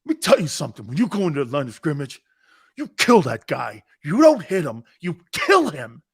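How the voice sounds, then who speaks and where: Telling stories on his sports talk show, a middle-aged man laughs, does impressions of others, then reads an ad. His voice is fairly high and slightly rough with vocal fry, swinging hugely in pitch at a somewhat fast clip.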